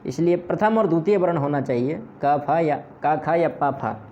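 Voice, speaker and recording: In an explanatory lesson, a man patiently teaches Sanskrit grammar step by step, repeating his examples. His voice is fairly high and a little mellow at normal speed, captured on slightly dull lo-fi audio with faint noise.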